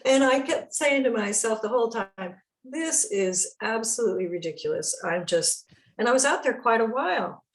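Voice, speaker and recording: A woman's voice: fairly high pitch, lively intonation, normal speed, low-quality recording. A woman casually telling a rambling personal story to a study group over a video call, chatty and often laughing.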